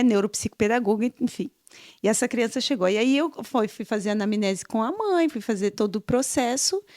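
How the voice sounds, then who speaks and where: A chatty woman hosts a clinic podcast and tells stories from her practice. Her voice is a little high. The sound is dry and close. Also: a little mellow, no room sound. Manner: chatty, storytelling. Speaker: podcast host, clinic professional. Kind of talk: podcast interview.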